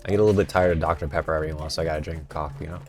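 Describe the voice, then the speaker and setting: A man's voice: rumbling low, steady tone, very fast, a little mellow. A man streaming a game, rambling and mocking himself in casual chat at a desk mic. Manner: self-mocking, rambling, jokey.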